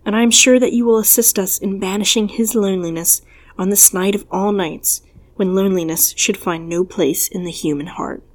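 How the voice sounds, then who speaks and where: A woman voicing a calm, courteous husband who addresses guests in a formal, speechmaking way, read as a storybook. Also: mid-range voice, moderate pace, lightly acted. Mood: formal welcome. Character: calm, courteous husband and host, adult man. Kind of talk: storybook reading.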